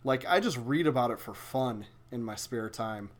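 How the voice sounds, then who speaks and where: A man's voice: mid-range voice, expressive, moderate pace. A young man casually chatting with viewers while streaming a video game, swearing and exclaiming as he plays.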